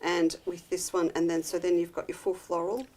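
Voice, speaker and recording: A woman's voice: lowish voice, little pitch movement, brisk, a little mellow, a little hiss or hum. Aussie woman chatting about quilt fabric, teasing, laughs easy. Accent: Australian. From Australia. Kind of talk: casual chat on a live craft show.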